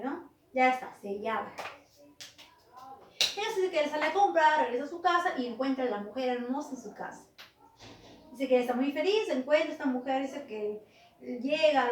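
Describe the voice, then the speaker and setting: A woman teacher, retelling a tale in a lively way, often ending with a tag question. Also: sits high, distant mic. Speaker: literature teacher. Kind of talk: retelling a story in a lesson. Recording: roomy, from off the mic.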